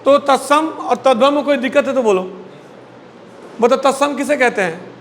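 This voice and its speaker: A man's voice: very high voice, moderate pace, fairly bright tone, long reverb tail, a little hiss or hum. A man teaching a Hindi class, drilling word pairs, repeating each word and prompting students to answer. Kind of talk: classroom lesson.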